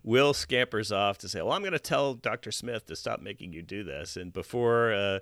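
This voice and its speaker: A man's voice: on the low side, expressive, normal speed, fairly bright tone, no room sound. A man hosting a podcast, casually retelling a TV episode's plot in detail and chuckling now and then. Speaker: podcast host. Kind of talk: casual chat recapping a TV episode.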